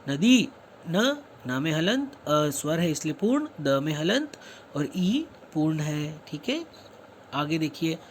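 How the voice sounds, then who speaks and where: A man's voice: high voice, slight background noise. A male teacher giving a lesson, spelling words out sound by sound and asking and answering his own questions. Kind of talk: classroom lesson explanation.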